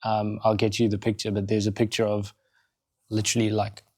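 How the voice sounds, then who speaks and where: A man's voice: lowish voice, a little fast, no room sound. South African man telling a story. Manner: animated, acts out quotes in other voices. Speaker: podcast guest, coffee roaster founder. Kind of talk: casual storytelling chat. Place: studio.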